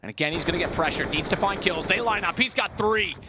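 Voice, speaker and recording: A male esports caster with a notably high voice delivers play-by-play commentary. Game noise is clearly audible behind him. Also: quick pace.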